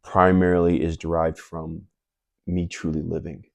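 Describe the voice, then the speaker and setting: A man's voice: sits low, flat delivery, moderate pace, creaky, no echo. A man hosting a casual chat, musing loosely about life with lots of fillers. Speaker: host.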